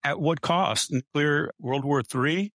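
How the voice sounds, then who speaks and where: A man's voice: on the high side, slow, a bit bright, dry recording. A man arguing politics as a guest, pushing his points and running through statistics. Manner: argumentative, runs through statistics. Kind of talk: casual political debate.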